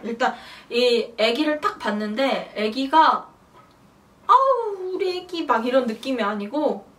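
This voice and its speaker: A young woman tells a personal story in a relaxed, chatty vlog. Her voice sits a little high and she acts out her own past lines with animated bursts. The recording has her a bit away from the microphone. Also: recorded from a distance. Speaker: vlogger. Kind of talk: casual storytelling to camera.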